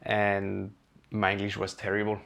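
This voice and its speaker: A French chef from France, guesting on an interview podcast, tells stories candidly and with animation, acting out the quoted lines. His voice sits on the low side, unhurried, with some vocal fry. It's casual storytelling interview talk.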